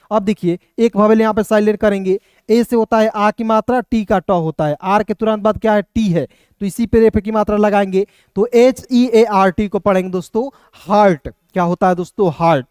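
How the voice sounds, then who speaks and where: High-pitched yet darkish and clean in tone, his voice comes through studio-quality audio without echo. He teaches English pronunciation in an online video, repetitively spelling out each word's letters slowly and addressing viewers as friends.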